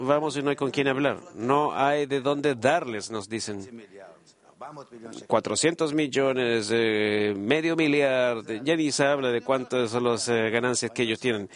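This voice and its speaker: Man, voice-over of a conversation, earnest, halting, frequent fillers. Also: medium pitch.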